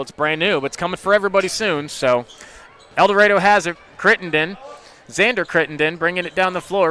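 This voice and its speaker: A man doing rapid play-by-play for high school basketball on radio, chatting with his co-hosts between plays. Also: bright, forceful tone, a little hiss or hum. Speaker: play-by-play announcer.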